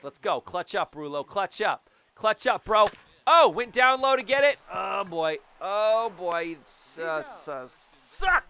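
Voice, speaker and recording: This man in his thirties narrates his baseball gameplay for YouTube with excitable humor and the occasional loud shout, his voice smooth. The setup is a boom-arm studio mic in a small room at home, with webcam framing.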